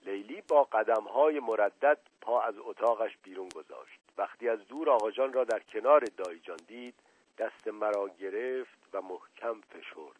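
A man narrating a story in a measured, expressive reading, heard over a narrow-band radio broadcast. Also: lowish voice, slightly rough.

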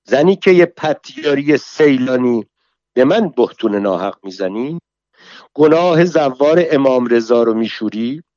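A man's voice: medium pitch, animated, no room sound, muffled recording, lightly acted. A man doing a foul-mouthed brawling woman. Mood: indignant. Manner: shouting insults, scolding. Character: foul-mouthed quarrelsome middle-aged woman. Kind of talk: dramatic story reading.

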